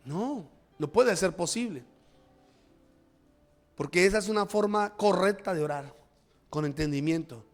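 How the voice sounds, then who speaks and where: A man's voice: high voice, a little slow, pauses often, soft background music. A male pastor preaching a sermon in a church, with emphatic rises and drops, acting out the prayers he quotes.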